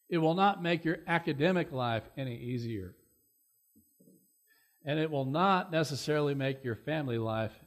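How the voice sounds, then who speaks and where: A man preaching a sermon, earnest and plain-spoken, with fillers, who swells louder and higher to stress points. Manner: earnest, loud rising emphasis with many fillers.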